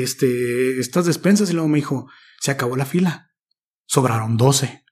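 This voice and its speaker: In a conversational interview, a thirty-something Mexican man recounts a personal story thoughtfully and with casual slang. His voice sits at medium pitch with a breathy edge.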